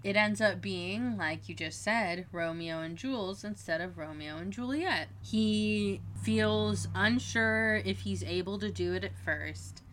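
A woman's voice: mid-range voice, measured pace, hardly any pauses, fairly bright tone, a little hiss or hum. A woman hosting a casual fan podcast, chatty and laughing as she retells scenes. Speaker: podcast host.

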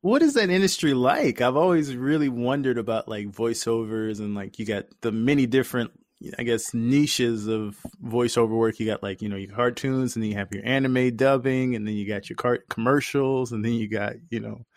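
A man's voice: mid-range voice, normal speed, hardly any pauses, dry recording, studio quality. A man hosting a podcast, asking curious questions in a loose, informal way. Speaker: podcast host. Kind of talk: casual interview questions.

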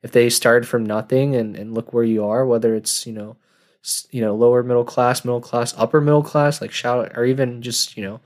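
A man's voice: medium pitch, fairly even intonation, brisk, a little mellow. Rambling young man on a solo podcast. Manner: rambling, self-deprecating, laughs at his own jokes. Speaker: podcast host. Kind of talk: casual solo monologue.

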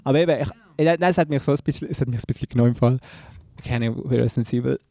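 Young Swiss German man, casual co-host, rapid and rambling, bone-dry close sound, self-mocking storyteller. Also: medium pitch, warm tone, no echo. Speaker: podcast co-host. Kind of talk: casual chat.

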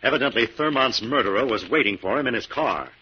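An actor voices a confident, take-charge American crime-fighter in the style of 1940s radio, sounding brisk, authoritative and assured. He is male with a mid-range voice and lively intonation, close to an everyday voice. The old recording is muffled, with slight background noise.

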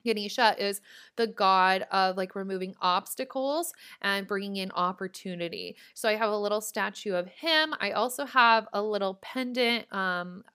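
A young woman talks through her podcast in an easy, chatty way, leaning on "like" as she goes. Her voice is bright and smooth. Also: mid-range voice, moderate pace. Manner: chatty, frequent "like" fillers, laughs at own slips. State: voice cracking. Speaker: podcast host. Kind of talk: casual chat.

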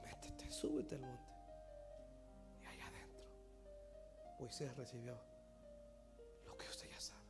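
A man preaching a sermon, swinging from loud, fast preaching to hushed whispers. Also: medium pitch, steady tone. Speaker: pastor. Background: music playing.

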